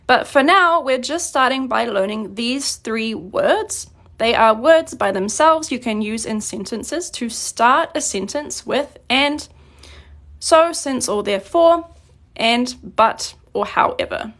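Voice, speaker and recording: A woman from New Zealand teaching a live-streamed grammar lesson, explaining patiently and clearly, slowing down on her examples. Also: fairly high pitch, expressive, fairly bright tone. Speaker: Korean language teacher.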